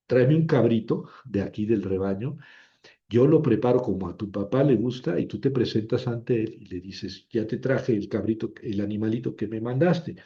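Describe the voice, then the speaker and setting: A man's voice: on the low side, moderate pace, warm tone, muffled recording, natural voice. A man lecturing retells a scheming mother's words, coaxing and urgent, with the voice raised a little. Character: scheming mother, older woman, protective.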